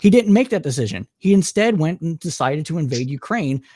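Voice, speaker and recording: A man arguing bluntly and emphatically in an informal political debate, quick to cut in. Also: a little high, sing-song, darkish tone, dry recording, studio quality. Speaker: debate participant.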